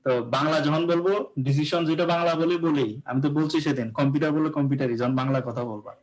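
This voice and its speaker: A man's voice: on the high side, fairly even intonation, quick pace, a little mellow, rough recording. A man with a Bangladeshi accent teaching English pronunciation in a live class, explaining patiently and often checking that students follow.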